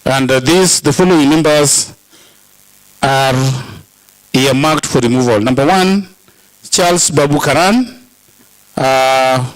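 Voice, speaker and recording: A man with a Kenyan accent making a formal parliamentary speech as an assembly member, halting and deliberate. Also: on the high side, fairly bright tone, poor audio. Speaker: county assembly member moving a motion. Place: assembly chamber.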